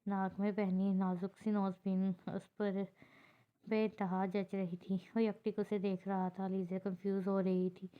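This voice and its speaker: A woman reading a romantic novel aloud in steady, unhurried narration, with occasional slips. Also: mid-range voice, clear, resonant tone. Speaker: novel reader. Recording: dull lo-fi recording.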